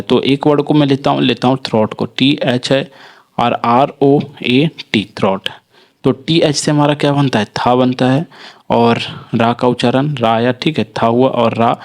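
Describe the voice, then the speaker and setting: Indian male teacher, mid-pitched voice, explaining pronunciation rules step by step, asks and answers his own questions. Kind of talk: classroom-style video lesson.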